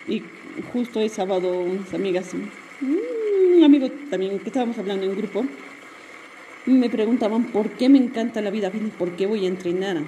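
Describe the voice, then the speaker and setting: A woman speaks in a warm, mellow voice of middling pitch. She tells her own story in an earnest, emotional monologue. A soft bed of music plays faintly behind her. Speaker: podcast host. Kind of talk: personal monologue.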